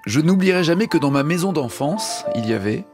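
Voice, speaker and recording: A man hosting a live radio show, introducing guests in a brisk, friendly way. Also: fairly high pitch, animated, over loud music. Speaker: radio host.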